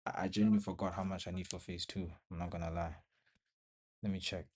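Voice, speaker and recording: A young man with a low voice narrates his live trade to viewers, speaking in clipped, broken phrases. He sounds a little out of breath and talks casually, as if from his bedroom at home. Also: little pitch movement, quick pace, a little mellow, slight background noise. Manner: talks to viewers while watching the screen, in short broken phrases. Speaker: trading vlogger.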